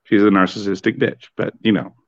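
A man's voice: lowish voice, steady tone, fairly quick, dry recording, lo-fi sound. A man co-hosting a wrestling podcast over an online call, speaking with dry sarcasm in short remarks. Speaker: podcast co-host. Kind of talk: casual chat.

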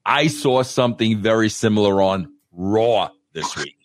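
A man's voice: on the low side, expressive, measured pace, no room sound. A man hosting a talk show, telling stories animatedly and often saying "bro". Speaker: podcast host. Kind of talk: casual excited chat.

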